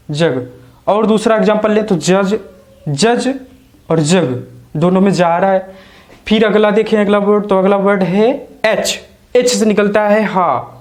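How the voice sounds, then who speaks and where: High-voiced Indian man teaching letter sounds. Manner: slow, repetitive, sounding out each letter. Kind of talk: spoken English phonics lesson.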